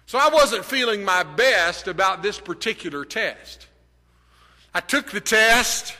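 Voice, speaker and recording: Bright-voiced preacher in an echoing hall. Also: male voice, high voice, lively intonation, measured pace. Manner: storytelling, rising to emphatic declarations. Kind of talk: sermon. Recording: long hall reverb.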